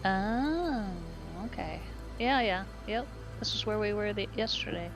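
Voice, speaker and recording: Minnesota lady cohosting a game stream, gravelly edge on her voice, faint music. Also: medium pitch, expressive, measured pace. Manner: cheerful, reads out chat messages. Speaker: stream co-host. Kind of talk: casual livestream chat.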